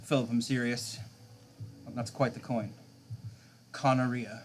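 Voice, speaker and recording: A man's voice: mid-range voice, level tone, a little slow, slight background noise. A man in his thirties, a game streamer, chatting casually with his viewers late at night, chuckling often as he answers chat.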